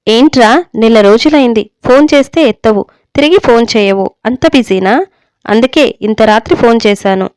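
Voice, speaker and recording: A woman's voice: a little high, moderate pace, darkish tone, smooth, no room sound, lightly acted. A woman voicing a retired older father in a read-aloud story, with a dry, wry way of talking. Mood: probing. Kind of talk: storybook reading.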